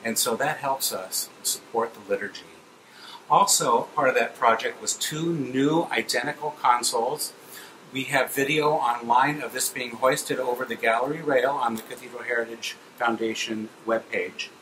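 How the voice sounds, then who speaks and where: A man's voice: mid-range voice, background noise. Middle-aged man in an echoey cathedral. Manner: measured, explanatory, appreciative. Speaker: cathedral organist and music director. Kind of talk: guided presentation to donors. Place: large cathedral organ gallery, indoors. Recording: echoey cathedral with organ music behind.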